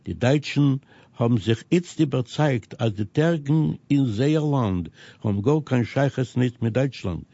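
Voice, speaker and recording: A man presenting a scripted radio news program, reading items in a steady, measured way. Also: mid-range voice, no echo. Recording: dull, lo-fi radio recording.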